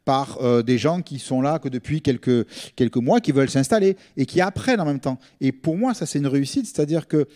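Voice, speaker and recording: A man's voice: medium pitch, a little fast, few pauses, dark tone. A middle-aged man with a Marseille accent gives an informal lecture, explaining things conversationally as a linguist and often checking in with his listeners. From Marseille, France. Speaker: linguist giving a public talk.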